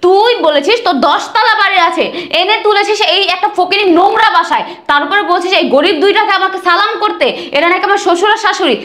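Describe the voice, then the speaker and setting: A high-voiced, arrogant rich bride, played by a young woman in a short drama, rattling off sneering insults at speed. The room is echoey. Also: fast talker, fairly bright tone. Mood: contemptuous.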